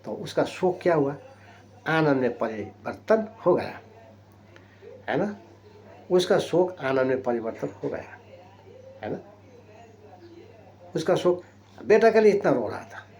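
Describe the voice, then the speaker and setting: Man preaching with sharp rises and drops. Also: on the high side, sing-song, unhurried, long pauses. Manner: rising and dropping sharply for emphasis, frequent tag questions. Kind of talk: sermon.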